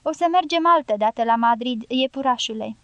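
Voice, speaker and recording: Storybook role: a wounded, commanding soldier, voiced by a woman reader, high-pitched and dry. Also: fairly bright tone, clear, resonant tone, no room sound. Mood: tender, firm. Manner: measured, firm commands. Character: American male dynamiter, wounded, calm and commanding.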